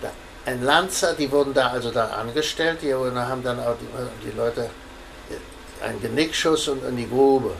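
An older man telling a personal story in an interview, halting, with many restarts and fillers. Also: medium pitch, creaky, a bit bright, slight background noise, low-quality recording.

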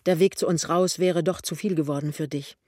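A man's voice: fairly high pitch, steady tone, fairly quick, a little mellow, no echo, clean studio sound, natural voice. A man voicing an anxious, hasty and embarrassed young husband in an audiobook.

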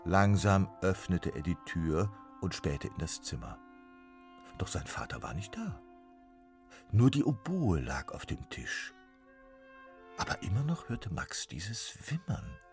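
A man narrating a children's storybook in an expressive, dramatic way. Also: low-pitched, slow, soft background music. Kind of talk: storybook reading.

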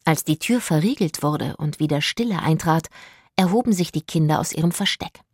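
A woman's voice: sits low, normal speed, slightly rough, dry recording, clean studio sound. Woman narrating a children's audio mystery. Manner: expressive storytelling.

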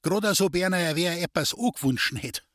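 A man's voice: high-pitched, a little fast, a bit bright, no room sound, studio quality, voice pushed up. A man doing an eager village gossip. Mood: urgent, telling news. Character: excited village man spreading bad news.

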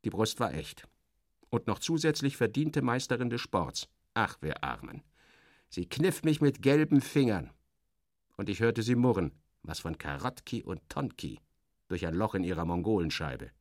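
A man gives a sardonic, theatrical first-person literary narration, as in a radio play, varying his emphasis expressively. His pitch is fairly low and his speed normal, recorded in studio quality with no echo.

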